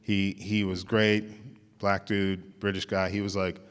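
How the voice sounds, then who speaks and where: A man's voice: low-pitched, level tone, takes it slowly, clean tone, long reverb tail. A man giving an informal storytelling talk as a visiting artist, often restarting and saying "like". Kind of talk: storytelling lecture to an audience.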